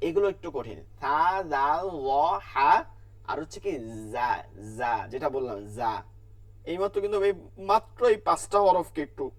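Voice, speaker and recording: A man teaches letter sounds to an online class, saying each one over and over and asking himself questions that he answers at once. His voice sits a little high for a man. He sounds set back from the microphone. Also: recorded from a distance. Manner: explains letter sounds by repeating them, asks and answers own questions. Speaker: Quran recitation teacher.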